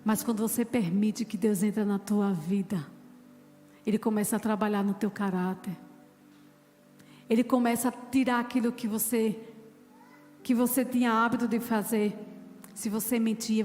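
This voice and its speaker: A woman's voice: mid-range voice, darkish tone, in a large hall. A woman pastor, preaching a sermon with fervent personal testimony. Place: church.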